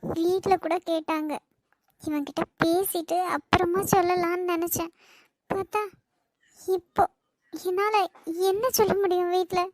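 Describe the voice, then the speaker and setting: A woman's voice: extremely high pitch, fairly even intonation, unhurried, long pauses, no echo. A woman voicing a heartbroken, crying young woman in a cartoon, in Kanyakumari Tamil. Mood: tearful. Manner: tearful, pleading. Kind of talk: cartoon voice acting.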